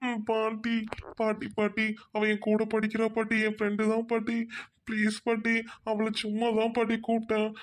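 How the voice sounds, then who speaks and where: A woman's voice: on the high side, completely flat delivery, moderate pace, pitched below the performer's own voice, lightly acted. A woman voicing a scared teenage college boy pleading with his grandmother in an audio drama. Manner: pleading, begging.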